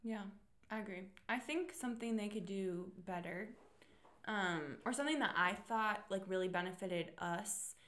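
A woman's voice: medium pitch, normal speed, fairly bright tone. A woman guest on a podcast, sharing her view in an agreeable, reflective way. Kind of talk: casual chat.

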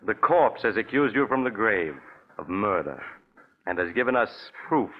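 An actor with an American accent playing a shrewd, accusing doctor-investigator in a 1940s radio drama, deliberate and pointed. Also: male voice, on the low side, expressive. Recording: muffled old radio recording.

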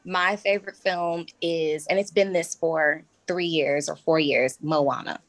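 A woman in her thirties, a cabaret singer, chatting as an interview guest in a bubbly, animated way with frequent laughs. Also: low-pitched, unhurried, no echo. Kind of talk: casual interview chat.

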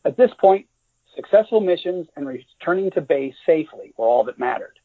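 A man reading a chapter of his own novel in a steady, measured narration. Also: on the high side, husky, dry recording. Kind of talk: scripted narration. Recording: dry, tinny phone-like audio.

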